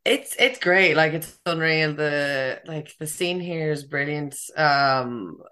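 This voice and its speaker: A woman's voice: sits low, slow, bright, forceful tone, smooth. A young woman from the west of Ireland with that region's accent, chatting casually and informally as an interview guest, with slang and swearing. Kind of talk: casual chat.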